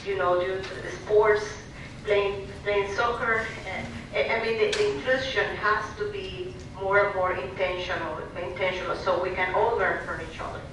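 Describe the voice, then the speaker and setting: A woman's voice: medium pitch, steady tone. A woman from Venezuela, speaking earnestly as a panelist at a panel discussion and often restarting her sentences. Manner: earnest, halting with many restarts. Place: large hall at a public panel. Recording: distant echoey hall recording with noise.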